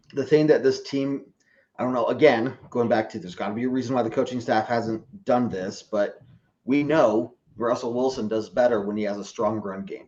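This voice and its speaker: Speaking in a mid-range voice with a darkish tone, the man is heard through audio missing its highs. As a team fan guesting on a sports podcast, he rambles casually about football, often hesitating and correcting himself.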